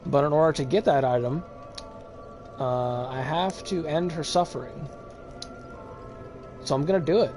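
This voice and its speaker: Chatty man rambling over game music. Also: fairly high pitch. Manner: rambling, filler-heavy, quick chuckles. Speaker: streamer playing a video game. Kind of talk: casual gameplay commentary.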